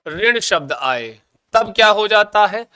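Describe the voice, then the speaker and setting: Guy teaching sanskrit grammar for exams, high clear voice, keeps asking then answering his own questions. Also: lively intonation, takes it slowly, bright, forceful tone, dry recording. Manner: calls students "bhaiya" and "ji". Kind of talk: exam coaching lecture.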